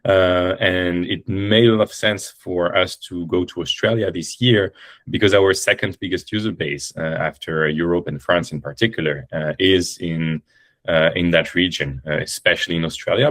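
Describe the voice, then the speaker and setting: A man with a slightly rusty, bronchitic voice giving an informal conference recap, in halting phrases. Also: deep voice, no echo. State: recovering from bronchitis. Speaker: guest speaker. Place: indoors on an online call.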